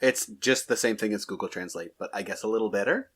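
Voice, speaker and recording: Bright-voiced joking man on a podcast. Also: fairly low pitch, breathy edge. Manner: quick, joking asides. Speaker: podcast co-host, teacher. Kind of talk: casual podcast chat.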